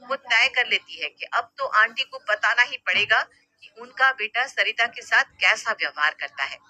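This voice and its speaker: A woman narrating an animated story in a plain, even storytelling manner. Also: fairly high pitch, normal speed, dry recording.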